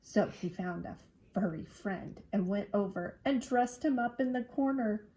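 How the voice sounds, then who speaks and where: A woman reads a children's storybook aloud expressively, drawing out key words to engage young listeners. Her mid-range voice is warm and measured, though the recording is rough.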